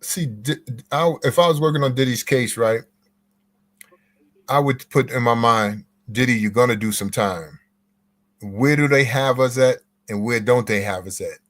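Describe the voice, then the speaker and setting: A man's voice: mid-range voice, normal speed, fairly bright tone. A man answering interview questions on a podcast, explaining step by step and repeating phrases for emphasis. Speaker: guest legal commentator.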